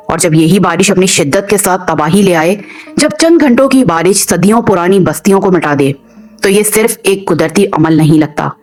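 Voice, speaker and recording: A woman reading a scripted documentary voice-over in a measured, grave, dramatic way. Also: lowish voice. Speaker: documentary narrator.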